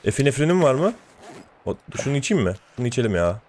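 A man's voice: medium pitch, very animated, quick pace, a little mellow, a little hiss or hum. A man giving let's play commentary as he plays, talking to himself and swearing often in exasperation. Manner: talks to himself while playing. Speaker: gaming channel host.

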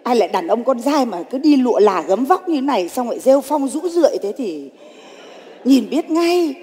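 A bossy, teasing mother of sixty. Her voice sits high and scolds and mocks freely. The stage gives it a long echo. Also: sing-song, normal speed, dark tone, a little hiss or hum. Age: 60s. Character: sharp-tongued 60-year-old mother looking for a husband.

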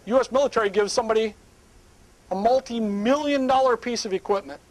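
A middle-aged man speaking at a live seminar on a small indoor stage, emphatic and animated, sometimes dropping to hushed asides. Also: extremely high pitch, brisk, low-quality recording.

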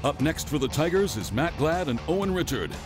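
A man's voice: on the high side, sing-song, a little fast, over music. A man giving scripted voice-over narration for a fishing tournament broadcast.

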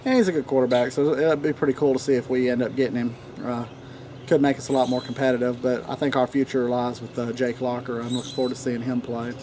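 A man, chatting casually and unhurriedly, with pauses, as he rambles through a pipe tobacco review. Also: mid-range voice, flat delivery, background noise. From Tennessee, United States. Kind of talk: casual vlog chat. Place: outdoor wooden deck in a leafy yard. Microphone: camera a few feet away. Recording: outdoor ambience with birdsong. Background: birds chirping, occasional dog barking.

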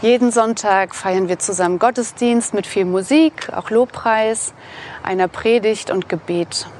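A woman in her thirties from eastern Germany, calmly presenting to camera outdoors on a lapel mic. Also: medium pitch, unhurried, a little hiss or hum. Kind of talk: scripted explainer to camera. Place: outdoors in a sunny park.

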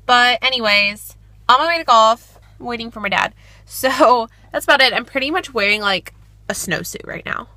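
A young woman chatting casually to her camera in a beauty vlog, upbeat with quick asides. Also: on the high side, lively intonation, bright, forceful tone. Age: young adult. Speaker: beauty vlogger.

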